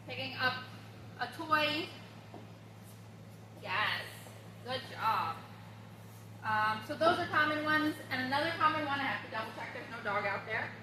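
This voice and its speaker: Woman dog trainer, high bright voice, upbeat and instructive, roomy distant sound with faint room hum. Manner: upbeat, instructive, bursts into high-pitched baby talk for the dog. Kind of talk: training demonstration. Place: room in a home.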